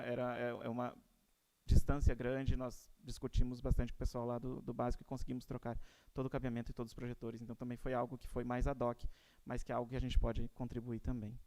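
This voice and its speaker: A man's voice: medium pitch, dark tone, clean tone. A middle-aged man with a Brazilian Portuguese accent presents to a university council as a graduate coordinator, hesitant and full of "é" fillers and restarts. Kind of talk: formal meeting presentation.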